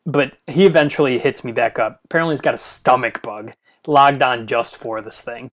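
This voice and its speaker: A man's voice: medium pitch, normal speed, fairly bright tone. A young man co-hosting a casual podcast chat, rambling through a story with lots of "like". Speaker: podcast co-host.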